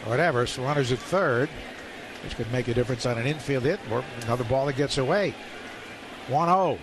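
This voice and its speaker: A baseball announcer calls live radio play-by-play from a ballpark broadcast booth, speaking in clipped phrases that rise to excited calls on big plays. His medium-pitched voice moves a little fast. The live stadium broadcast carries loud background noise.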